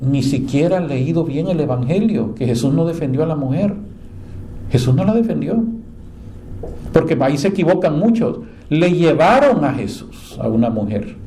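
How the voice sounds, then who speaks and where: A man preaching a sermon to a small group, telling Bible stories and voicing the quoted speakers with lively emphasis. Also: moderate pace, a little hiss or hum. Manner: animated storyteller, acts out quoted speakers in a higher voice. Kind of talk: sermon, Bible class storytelling. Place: church meeting room with a live group.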